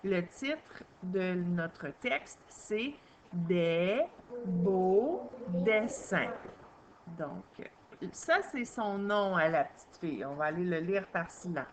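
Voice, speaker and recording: Slow, patient Québécois woman teacher. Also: on the low side, lively intonation, a little hiss or hum. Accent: Québécois French. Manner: slow, patient, sounds out syllables. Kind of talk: early reading lesson for young children.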